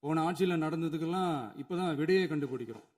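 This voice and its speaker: A man's voice: on the high side, fast talker, darkish tone. A man, a chief minister, giving an emphatic formal speech in a legislative assembly hall, building his points through repetition.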